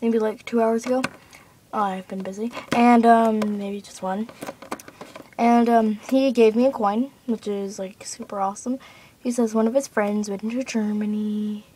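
A female speaker in a casual webcam vlog at home, chatty and excitable, filling her talk with "like". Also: on the high side, moderate pace, slight background noise. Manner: chatty, many "like" fillers, excitable.

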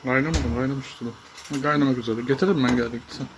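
A man chats on camera from a village kitchen, easygoing and teasing as he talks. His voice sits at a middle pitch. A faint room hum runs under the home vlog. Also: steady tone, rapid-fire. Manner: chatty and teasing, often laughing. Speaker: vlogger. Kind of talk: casual home vlog chat. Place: village house kitchen, indoors.

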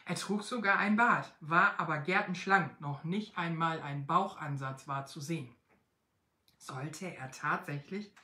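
A woman hosting a live stream, reading a Christmas story aloud in a lively, expressive way, recorded on a phone. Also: deep voice, normal speed, few pauses, reverberant. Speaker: host of a craft shop live stream. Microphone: phone, filmed upright.

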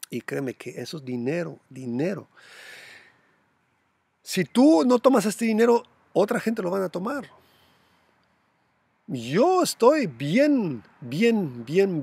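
A man's voice: fairly high pitch, gravelly, slightly rough, dry recording. A middle-aged man hosting a crypto channel from home, talking casually to camera and squealing when he mimics panicked buyers. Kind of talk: casual direct-to-camera talk.

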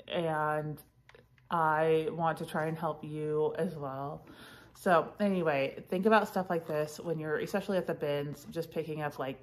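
Woman reseller, thirties, slightly low voice, stuffy nose; casual, chatty haul vlog delivery. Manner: chatty, frequent fillers, lively asides. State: congested, sniffly. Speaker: reseller vlogger.

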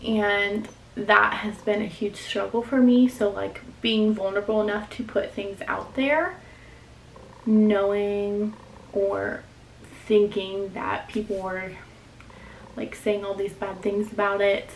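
A woman's voice: medium pitch, fairly even intonation, takes it slowly, gravelly, echoey room, a little hiss or hum, low-quality recording. A woman in her twenties talks candidly to the camera in a casual vlog, filling her speech with "like" and "um". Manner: candid, confessional, filler-heavy. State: emotional, near tears. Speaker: vlogger.

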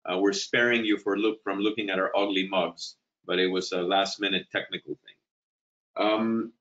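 A man's voice: deep voice, steady tone, moderate pace, a bit bright. A man speaking as a panelist on a webinar over a video call, greeting the audience in a friendly, chatty way. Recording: dull lo-fi call audio.

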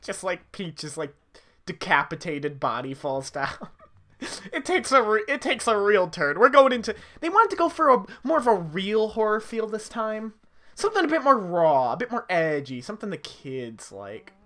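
A woman doing let's play commentary on a video game, giggling often, swearing and reacting loudly. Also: medium pitch, sing-song, normal speed. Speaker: game streamer.

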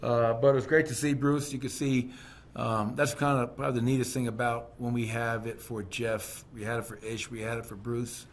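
A man's voice: mid-range voice, little pitch movement, normal speed, slight background noise. A middle-aged man, a basketball head coach, answers reporters' questions at a post-game press conference, speaking candidly with frequent fillers and restarts. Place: team press room, seated at a table. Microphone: desk microphone on a stand.

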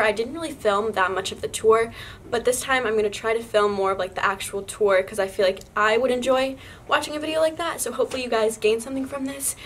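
A young woman talks to her viewers in a relaxed, rambling way, full of little fillers and restarts. Her voice sits a bit high for a woman. A faint hiss sits under the recording. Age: young adult. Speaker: vlogger. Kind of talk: casual vlog chat.

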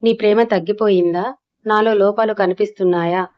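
A woman narrator reading the lines of a hurt, furious young wife in a storybook drama, delivered in a flat tone. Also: mid-range voice, fairly quick, no echo, highs cut off, natural voice. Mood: angry. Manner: shouting angrily.

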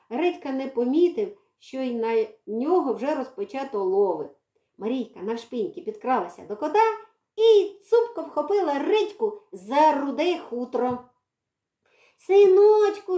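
High-voiced woman, expressive storybook reader, echoey library room. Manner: expressive, dramatic reading. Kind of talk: storybook narration.

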